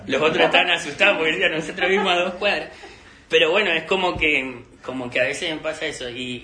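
A man's voice: medium pitch, reverberant, slight background noise. A young man with an Argentine Spanish accent, telling a personal story in casual chat, acting out the dialogue and laughing often. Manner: animated, acts out dialogue with laughter. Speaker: podcast host telling a story.

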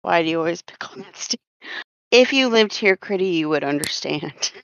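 A podcast host from Florida, with a slight Southern drawl, rambles through a casual chat full of fillers and frequent laughter. Her lowish voice is expressive and clean-toned at a moderate pace, though the recording sounds dull, lo-fi, and dry with no room sound.

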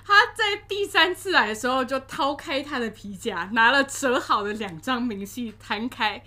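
A young woman with a Taiwanese Mandarin accent, co-hosting a podcast in casual chat and telling animated stories with frequent laughter. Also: sits high, normal speed. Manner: animated storytelling, often breaks into laughter. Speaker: podcast co-host.

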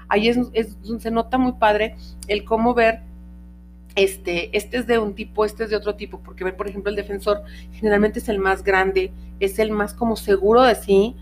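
Rambling woman podcast host. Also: medium pitch. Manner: searching for words, many restarts and fillers. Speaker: podcast host, dog trainer. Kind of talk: casual explanatory podcast talk. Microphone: podcast microphone.

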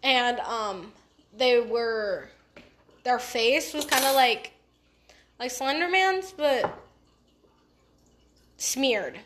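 A young woman talks slowly and loosely, telling a story on a casual podcast. Her voice sits a little high, and she rambles with lots of fillers and the odd swear word. A faint hiss runs underneath. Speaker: podcast co-host.

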